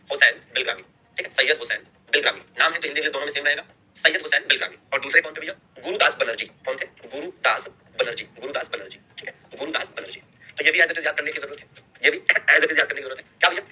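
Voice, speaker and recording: Fast-talking man teaching history. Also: on the high side, sharp tone, husky. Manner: repeats key terms, asks and answers his own questions; mixes Hindi with English terms. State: unwell. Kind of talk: online exam-prep history lecture.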